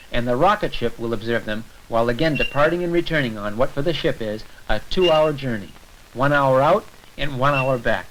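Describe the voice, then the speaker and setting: A bit bright with a mid-range pitch, the man's voice carries an educational science short in an easygoing lecture style. He explains things one step at a time. The sound comes from a noisy, clicking 1970s film track.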